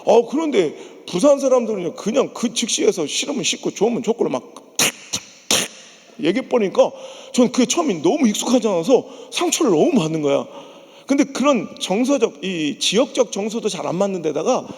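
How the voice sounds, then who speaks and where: A man's voice: high voice, a little fast, slightly rough, in a large hall. A man from the region preaching a revival sermon in a church, telling stories with jokes and voicing the people in them. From Chungcheong region, Korea. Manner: animated, joking storytelling with impersonations. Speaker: pastor. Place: large church sanctuary.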